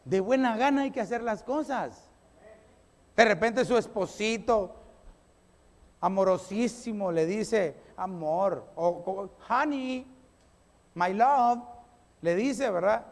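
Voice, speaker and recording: A man's voice: high-pitched, slow, long pauses. A man. He talks straight to the people, urging them on and acting out small everyday scenes. His voice rings through a large hall with a long reverb. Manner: animated preacher addressing the congregation, acting out little scenes. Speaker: pastor. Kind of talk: sermon.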